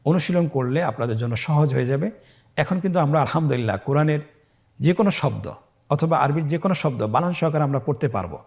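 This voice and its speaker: Man teaching quran reading, voice a bit high, drags out each syllable in drills, patient and calm. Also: gravelly. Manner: slow, drawn-out syllable-by-syllable spelling drills. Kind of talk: recorded lesson.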